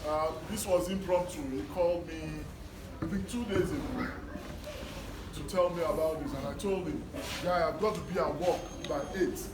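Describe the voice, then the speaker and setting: A middle-aged Nigerian man speaks to a group of children in a fairly high voice. He delivers his encouraging talk in deliberate, short phrases, repeating words for emphasis. He is picked up from a distance in an echoey room. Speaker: guest speaker, education worker. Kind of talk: motivational talk to schoolchildren. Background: noise, small children.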